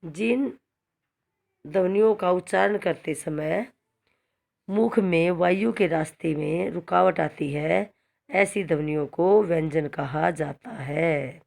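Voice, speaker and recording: A woman teacher giving a slow, repetitive grammar lesson to children, often checking in with "okay". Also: lowish voice, vocal fry, a little mellow. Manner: slow, repetitive explaining with frequent "theek hai" checks. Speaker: school teacher. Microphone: phone screen recording.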